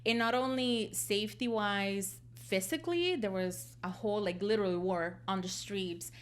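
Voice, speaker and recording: A woman in her forties from El Salvador, a therapist telling her story in a casual interview, reflective and halting with many fillers. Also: medium pitch. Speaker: guest therapist.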